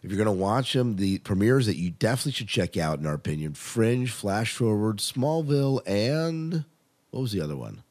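This podcast host's voice is on the low side, a little mellow and sing-song, moving at a moderate pace. He talks television in a relaxed, enthusiastic way, clearly a devoted viewer.

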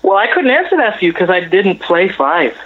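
A man's voice: sits high, big pitch swings, fairly quick. Rambling male caller over the phone. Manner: rambling, hesitant, lots of fillers. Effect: heard over the phone. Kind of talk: casual call-in chat. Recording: dull lo-fi phone line.

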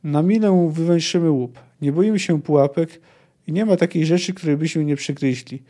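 A gloomy young male gang leader, voiced by a man reading aloud. He sounds gruff and commanding, with a mellow tone and a fairly high pitch. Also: normal speed, natural voice.

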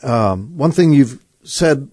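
Mid-pitched male radio host, halting. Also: lively intonation, mellow, husky, no room sound. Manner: conversational, halting, with many fillers.

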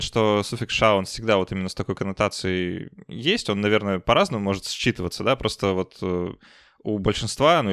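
Man, podcast host, lowish voice, rapid hedging speech, dry close sound. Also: a bit bright, dry recording. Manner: quick, tentative, hedging. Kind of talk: conversational podcast interview.

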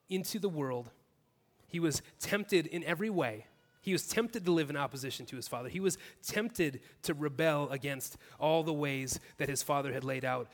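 A man's voice: a little high, long reverb tail. A man preaching a sermon as pastor, earnest, building his points in repeated clauses. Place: church.

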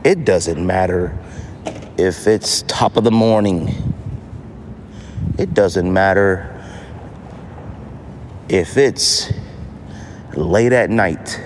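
Speaking extremely slowly and pausing often, this low-voiced man from the United States hosts a podcast as a casual solo monologue. He repeats phrases for emphasis while street noise, traffic and banging fill the noisy city backdrop.

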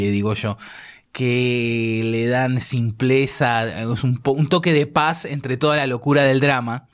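A man with an Argentine accent co-hosting a casual podcast, rambling and often restarting his phrases. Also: mid-range voice. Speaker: podcast co-host. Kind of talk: casual chat.

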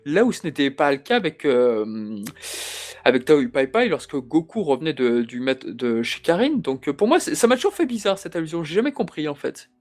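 A man hosting a casual chat, talking with animated enthusiasm. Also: fairly high pitch, a little fast.

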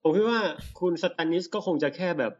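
A man hosting a casual chat about a TV series, excitable and swearing freely. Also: high voice, quick pace, lo-fi sound.

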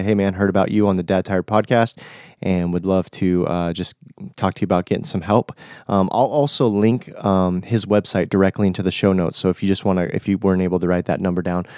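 Young man, nasal stuffed-up voice, lowish pitch, casual podcast host, informal slang, dry close recording. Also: dark tone, no room sound. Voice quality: nasal, congested voice. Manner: informal, conversational, buddy-like slang. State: recovering from flu, stuffy nose. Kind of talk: casual solo podcast talk.

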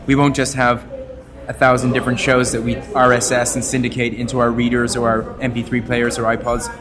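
A man from Canada speaks as a guest on an interview podcast, at an ordinary pitch for a man. He talks at length in a wordy, expressive way, bending his voice as he goes. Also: brisk, a crowd in the background. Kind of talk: casual interview talk.

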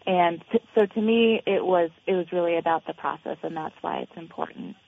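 A woman speaking as a guest in a phone interview, choosing her words carefully with halting pauses. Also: lowish voice, expressive, gravelly. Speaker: interview guest, local parent. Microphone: telephone. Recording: tinny, narrow telephone line.

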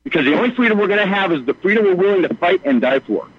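A man's voice: high-pitched, lively intonation, very fast, breathy edge. A middle-aged man calling into a radio show on a buzzy speakerphone, talking in an earnest, rambling way. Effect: speakerphone call. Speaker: caller. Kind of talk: call-in radio talk. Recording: muffled speakerphone call on radio.

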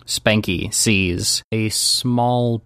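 A man narrating a tabletop role-playing game as game master, calm and descriptive with small fillers. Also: fairly low pitch, extremely slow, no echo, studio quality.

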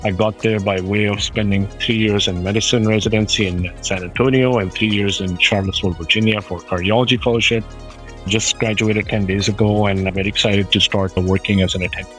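A man's voice: lowish voice, steady tone, brisk, fairly bright tone, soft background music. A man from Pakistan, an interventional cardiology fellow, introducing himself politely and eagerly. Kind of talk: casual self-introduction.

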